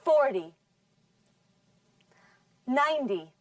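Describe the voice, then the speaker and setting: Slow, clearly enunciating woman teacher. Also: sits high, sing-song, no echo, far from the mic. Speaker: English teacher. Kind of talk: scripted language lesson.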